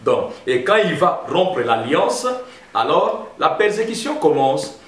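Animated French-speaking preacher in an echoey hall. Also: male voice, fairly high pitch, slow pace. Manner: emphatic preaching, addresses congregation as brothers. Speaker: pastor. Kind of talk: sermon. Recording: roomy echo, heard from a distance.

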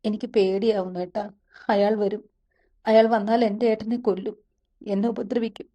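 A woman's voice: mid-range voice, flat delivery, normal speed, dark tone, natural voice. Woman voicing a frightened tearful young woman. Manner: tearful, pleading.

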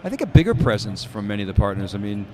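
A man's voice: fairly low pitch, sing-song, rapid-fire, a little mellow. A middle-aged man co-hosting live event commentary from a conference studio booth, talking analytically with plenty of fillers. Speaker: tech show co-host. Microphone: handheld stand mic. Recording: busy crowd noise behind.

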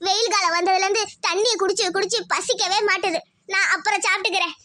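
A woman voicing a nagging, stubborn old village grandmother in a cartoon, speaking a with a shrill voice. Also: steady tone, quick pace, bright, forceful tone. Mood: grumbling.

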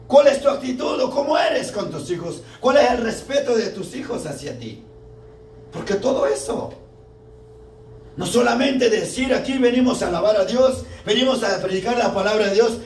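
A young man delivers a fervent sermon in a high voice, peppering his listeners with rhetorical questions. He sounds distant from the microphone in an echoing church hall. Faint noise hums underneath. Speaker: lay preacher at a parish prayer group. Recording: echoey room, mic far off, faint background noise.

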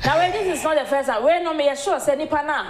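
A woman's voice: sits high, expressive, fast. A woman in her thirties with a Ghanaian accent hosting a TV show, reviewing newspapers in casual chat and often laughing as she talks, recorded on a lapel mic in a small studio. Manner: mixes languages freely, laughs often while talking. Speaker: TV show host. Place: small TV studio with large windows.

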